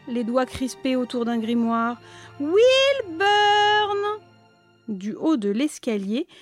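High-voiced woman reading a storybook. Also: no echo, studio quality. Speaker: narrator.

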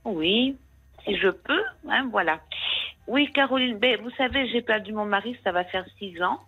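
A woman calling in to a radio show, speaking in an earnest, halting way with many restarts. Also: medium pitch, husky, narrow, tinny audio. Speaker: caller. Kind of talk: phone-in testimony.

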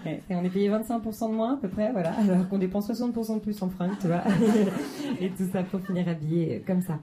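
A woman's voice: mid-range voice, fast talker. A woman in her thirties doing conversational stand-up in a club, hesitant, slangy and self-deprecating. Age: 30s. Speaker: stand-up comedian. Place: comedy club stage. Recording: live club recording, faint noise.

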